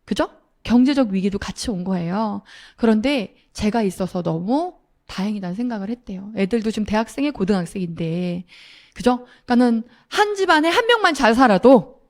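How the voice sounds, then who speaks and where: A woman's voice: on the high side, a little mellow. A middle-aged woman telling a personal story to an audience, acting out quoted lines with animation. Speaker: speaker at a sales seminar.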